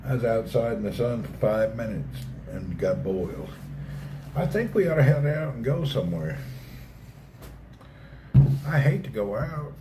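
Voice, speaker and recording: A middle-aged livestream host with a Southern American accent chats casually with viewers in a folksy, joking manner, reading chat aloud and swearing casually. His medium-pitched voice is animated but a little slow, with long pauses and background noise.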